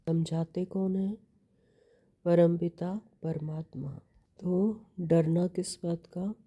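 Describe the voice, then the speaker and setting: A woman's voice: fairly low pitch, dark tone. A woman teaching a devotional sermon, explaining a scripture reading in a patient way, repeating key phrases and asking rhetorical questions.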